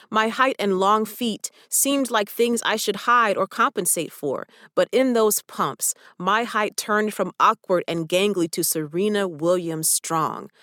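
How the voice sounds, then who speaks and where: A woman reads her personal essay aloud in a reflective, gently wry way. Her voice sits at a middle pitch. The sound is dry, with no room echo.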